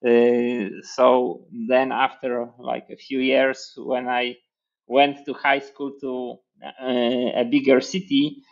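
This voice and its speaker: A man in his forties from Poland with a Polish accent, speaking as an interview guest in a measured, hesitant way with many fillers. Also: mid-range voice, monotone, muffled recording. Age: 40s. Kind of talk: interview over video call. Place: room with hexagon panel wall. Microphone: headphones with mic on video call.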